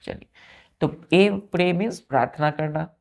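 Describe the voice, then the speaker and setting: Her voice is low, unhurried, and a little mellow as she leads a vocabulary lesson. Words get spelled out one letter at a time, and she keeps asking "clear?" to confirm the students are keeping up.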